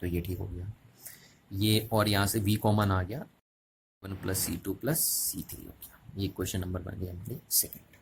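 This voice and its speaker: A man's voice: low-pitched, fairly even intonation, normal speed, creaky, slight background noise. A man teaching a physics lesson at a board, explaining step by step and often checking with the students. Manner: repetitive, checking questions to students.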